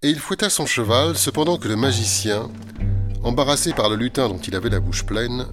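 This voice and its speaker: A man's voice: mid-range voice, animated, fairly quick. Male storyteller reading a fairy tale over music. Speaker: narrator.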